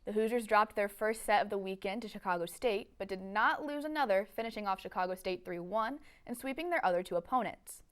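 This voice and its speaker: A woman's voice: medium pitch, a little fast, few pauses, clear, resonant tone. A young woman reading scripted sports news as an anchor in a TV studio.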